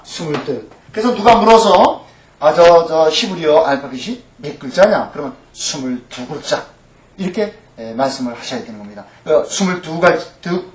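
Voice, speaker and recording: High-voiced male lecturer in echoey room. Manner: patient, repeats each letter name slowly; asks the class questions, then answers them. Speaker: pastor teaching Biblical Hebrew. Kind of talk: recorded language lecture. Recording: echoey room, mic at a distance.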